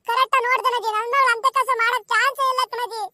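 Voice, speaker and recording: A woman's voice: very high-pitched, steady tone, rapid-fire, very noisy. A woman doing a wailing cartoon village mother. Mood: defensive. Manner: melodramatic wailing and cursing.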